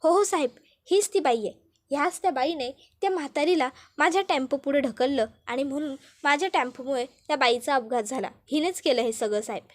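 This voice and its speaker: A truck driver eagerly accuses a woman in front of the police, voiced by a woman narrator. The voice is high, loud and insistent. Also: fairly quick, lightly acted. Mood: accusing.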